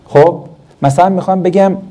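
A man teaching a classroom lesson, animated and quizzing his class, then answering his own questions. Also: high voice. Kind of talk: classroom lesson on Quranic Arabic grammar.

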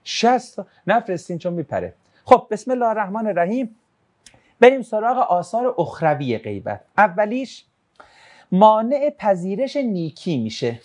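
With a mid-range voice, a teacher leads a relaxed religious class, reading student questions aloud and answering them with jokes. The delivery turns to storytelling when the teacher retells a religious tradition.

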